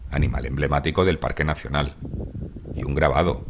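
A man giving calm, measured, scripted narration of a mountain hike, as in a nature documentary. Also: extremely low pitch. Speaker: hiking vlogger narrating. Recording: voice-over with music behind.

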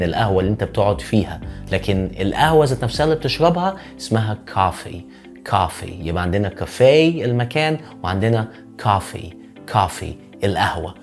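Lively Egyptian man drilling English words. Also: mid-range voice. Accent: Egyptian Arabic. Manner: drills words by slow repetition, joking asides. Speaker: English teacher. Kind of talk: vocabulary lesson.

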